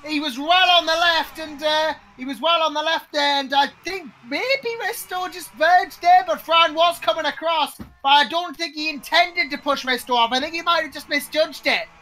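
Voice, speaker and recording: A man's voice: very high-pitched, normal speed, few pauses, bright, forceful tone, poor audio. A man giving conversational live race commentary as a co-commentator, chatty and emphatic, repeating his points. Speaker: motor racing co-commentator.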